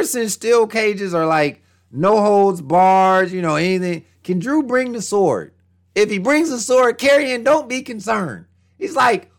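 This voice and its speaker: Lively, gravelly-voiced man joking around. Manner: animated, jokey, slangy, with big pitch swings. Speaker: podcast co-host. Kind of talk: casual wrestling podcast chat.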